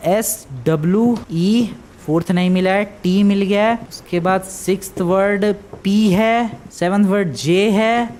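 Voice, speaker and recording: A man's voice: sits high, slow pace, few pauses, darkish tone, slight background noise. A man commentating a horror game for viewers, jumpy and easily frustrated, yelping at scares. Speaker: gaming YouTuber.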